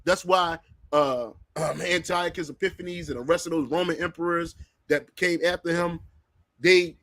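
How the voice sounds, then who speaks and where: A man's voice: sits high, a bit bright, no echo. Fervent man preaching in a dry voice. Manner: preachy, repeats words when starting phrases. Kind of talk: fervent religious discussion.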